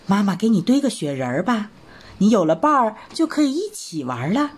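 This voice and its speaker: A calm, caring mother rabbit from a children's storybook, voiced by a woman reading aloud. Her voice drops well below the reader's own and moves slowly and soothingly. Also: fairly low pitch, slightly rough, voice pushed down, heavily acted. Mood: gentle.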